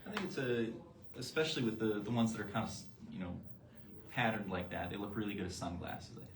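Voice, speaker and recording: Easygoing low-voiced man, roomy echo. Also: quick pace, very noisy. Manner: easygoing and informative, with frequent fillers. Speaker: co-host presenting eyewear. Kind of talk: live product show chat.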